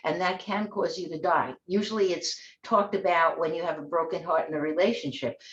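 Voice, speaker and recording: A woman's voice: lowish voice, steady tone, fairly quick, reverberant, dull audio. A woman hosting an online talk show, speaking in a rambling, conversational monologue with frequent restarts. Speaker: host. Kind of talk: casual monologue.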